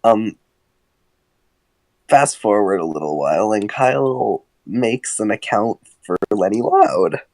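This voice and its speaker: Lively low-voiced man telling stories. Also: takes it slowly, no echo. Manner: animated, laughs often, swears freely. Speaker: podcast co-host. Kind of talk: casual storytelling chat.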